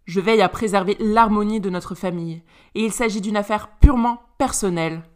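A woman's voice: medium pitch, a little fast, close to an everyday voice. A woman voicing a stern, angry aristocratic duke who scolds his son with cold contempt in a storybook reading.

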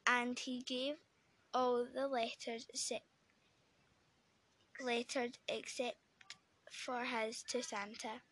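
A woman reading a children's story aloud, gentle and unhurried, with small slips. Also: fairly high pitch, flat delivery, no echo.

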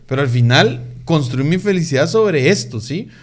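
A man talking in an animated, emphatic way, full of rhetorical questions, in a casual faith conversation. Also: a little high, normal speed.

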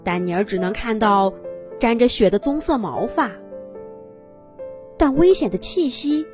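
A woman narrating a children's animal story in an expressive, dramatic way. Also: on the high side, measured pace, over music.

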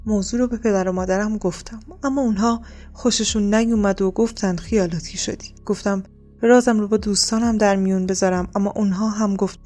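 A woman reading a calm, earnest wandering male dervish in a storybook. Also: medium pitch, natural voice.

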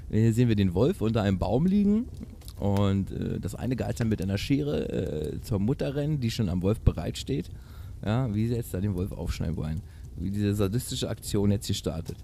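Man, German accent, casual read-aloud, sarcastic asides, very animated intonation. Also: fairly low pitch, vocal fry, a little hiss or hum. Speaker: reader.

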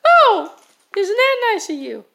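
A chirpy, nosy young female party guest, voiced by a woman in an improvised skit. Her voice is pitched very high and moves around a lot, with an eager, exclamatory delivery. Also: very animated, takes it slowly, gravelly, a bit bright, full character voice. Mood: excited, bubbly.

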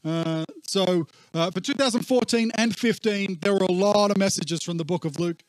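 A high-voiced man speaks as a pastor in a conversational, wandering way. The recording is warbly and muffled, with an underwater gurgle to the voice, and carries little room sound. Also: moderate pace, dry recording. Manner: conversational, discursive. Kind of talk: informal church talk.

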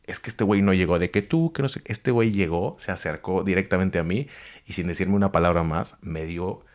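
A man's voice: low voice, a little fast. A Mexican man casually telling a funny street-fight story on a podcast, swearing freely and acting out other people's voices. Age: adult, grew glasses as adult.

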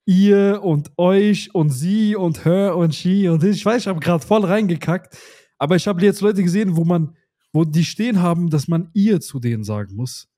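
A man in his twenties co-hosting a podcast, telling stories in lively, slangy casual chat. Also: high-pitched, moderate pace. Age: 20s. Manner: lively, animated storytelling with slangy asides. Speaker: podcast co-host.

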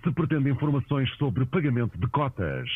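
Man, automated phone menu, lively delivery, phone-line sound. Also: mid-range voice, breathy edge, no room sound. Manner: measured, announcer-like.

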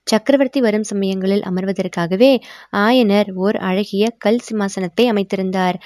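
A woman narrating a historical novel as an audiobook, in a formal, measured storytelling manner. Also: mid-range voice, a little mellow, dry recording, studio quality.

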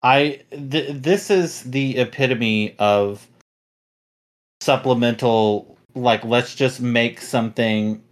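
A man in a casual podcast conversation, rambling through a critique with plenty of restarts and fillers. His voice sits at an ordinary middle pitch. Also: takes it slowly. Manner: rambling, critical, self-correcting. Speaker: podcast host.

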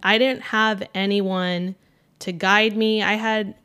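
A woman's voice: medium pitch, little pitch movement, slow pace, sharp tone, clear, resonant tone. Woman in her 30s, medium voice, chill chatty co-host, keeps drifting off mic. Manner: easygoing, laughs often, drifts from the mic. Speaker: podcast co-host. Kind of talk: casual chat.

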